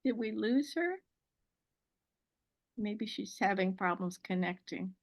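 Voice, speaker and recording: A woman's voice: mid-range voice, lively intonation, takes it slowly. A woman hosting an online panel on a video call, chatty and enthusiastic, laughing often. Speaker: host and moderator.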